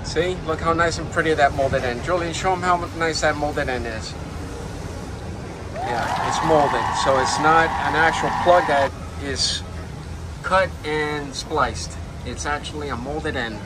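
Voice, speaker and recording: A marine electrical technician walks through a hands-on repair step by step in instructional tutorial commentary. His voice is fairly high and measured in pace, with heavy background noise.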